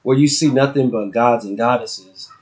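A man's voice: medium pitch, moderate pace, darkish tone. A man co-hosting a casual spiritual podcast chat, laid-back and profane, often laughing. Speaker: podcast co-host.

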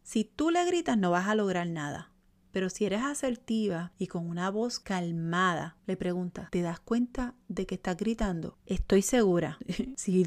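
A woman speaking in a calm, measured way, giving self-help advice straight to the listener and often checking in with a "right?". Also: medium pitch. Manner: calm, measured, addresses listener directly with frequent "¿verdad?". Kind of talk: motivational talk to camera.

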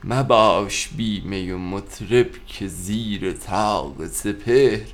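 A man's voice: lowish voice, lightly acted. An actor playing a pompous father who recites classical poetry in a grand, declamatory way. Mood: grandiose.

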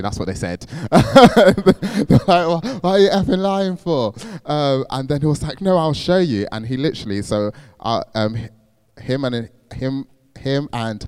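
A man's voice: fairly low pitch, smooth, dry recording, clean studio sound. A young man giving a talk on evangelism, telling a testimony story in a chatty way with many fillers. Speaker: speaker.

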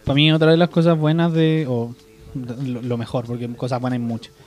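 A man's voice: mid-range voice, little pitch movement, fairly quick, a little mellow. Chilean man talking over faint music. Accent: Chilean Spanish. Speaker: podcast co-host. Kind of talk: casual chat.

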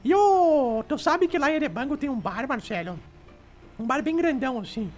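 A man's voice: extremely high pitch, expressive, moderate pace, soft background music. A man playing cheeky granny Dona Darcília. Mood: joking. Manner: chatty joke-telling, stammering punchlines. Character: cheeky elderly grandmother telling bawdy jokes. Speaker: radio comic character.

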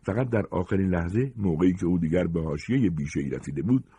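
A man reading a short story aloud with expressive, dramatic narration. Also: sits low, husky, no room sound.

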